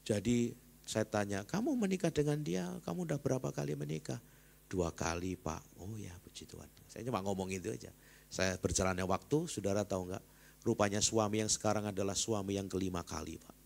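Seorang pendeta pria berkhotbah dengan semangat, suaranya naik keras saat menekankan poin dan turun lebih rendah saat menirukan orang lain. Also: male voice, fairly quick, vocal fry. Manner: lively preaching with loud rises, acts out quoted voices in a lower tone. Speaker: pastor. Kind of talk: sermon. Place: church service.

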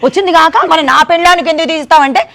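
A woman in a comedy skit fires off scolding lines at very high speed. Her voice sits high and sounds bright, and she argues combatively with no pauses. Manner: scolding, rapid-fire and combative. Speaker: quarrelsome neighbor in a comedy skit. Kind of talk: scripted comedy skit, rapid bickering.

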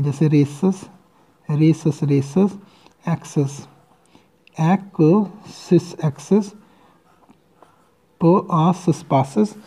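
A teacher walks through a shorthand lesson in a slow, measured way, pausing to spell each word out sound by sound. The voice is very dark and mellow, and the pitch sits in a middle range. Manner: patient step-by-step explaining, spelling words out sound by sound. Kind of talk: recorded lesson.

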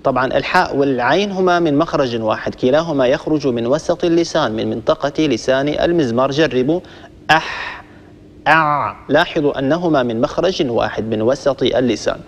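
A man teaching a Quran recitation lesson, explaining in a measured way and stopping to demonstrate letter sounds. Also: medium pitch. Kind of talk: tajweed lesson to listeners. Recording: long reverb, hall-like echo.

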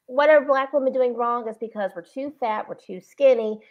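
Exasperated, sarcastic woman, higher voice, lo-fi audio. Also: normal speed. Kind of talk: casual commentary chat. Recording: muffled lo-fi audio.

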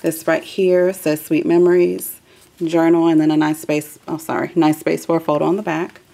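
A woman's voice: low-pitched, little pitch movement, normal speed, vocal fry, mellow. A woman hosting a craft video, chatting loosely with many ums as she shows her work at a table. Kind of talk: casual craft walkthrough.

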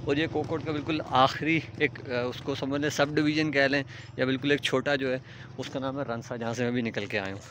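A man's voice: mid-range voice, fairly even intonation, a bit bright. Young male travel vlogger, walking outdoors, explains patiently with fillers, handheld phone audio, faint background hiss. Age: young adult. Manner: explains step by step, frequent filler pauses. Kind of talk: casual walking vlog narration. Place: outdoors on a hillside village road. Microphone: phone camera held at arm's length. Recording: faint outdoor ambient noise.

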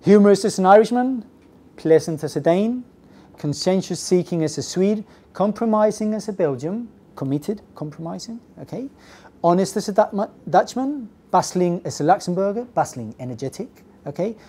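A middle-aged man giving a business English class lecture, lively and constantly checking in with the audience. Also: high-pitched, moderate pace, husky. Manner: lively, asks the audience "okay? yes?" often. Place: classroom with projector screen. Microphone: lapel mic.

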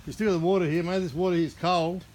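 A man's voice: high-pitched, fairly even intonation, quick pace. An Australian man chatting casually and teasingly as he hosts a challenge from behind the camera outdoors. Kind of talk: casual chat. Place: outdoors in a backyard garden. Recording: noisy outdoor phone recording.

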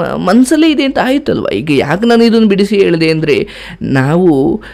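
A man's voice: high-pitched, creaky, a little mellow. A man giving spiritual advice as a host, earnest and preachy, ending with blessings. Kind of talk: advice talk.

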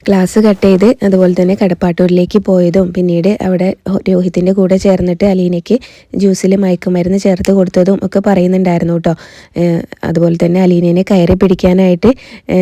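A woman casually recapping a TV serial episode, chatty and quick, tagging her sentences as she retells the scenes. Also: lowish voice, dark tone, no room sound. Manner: quick, chatty retelling with frequent "ട്ടോ" tags.

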